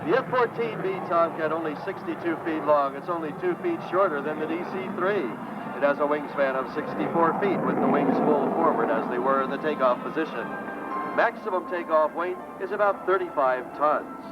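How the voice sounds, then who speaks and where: An American man working as an airshow commentator, giving measured, technical announcements over music in a dull outdoor recording. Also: on the high side.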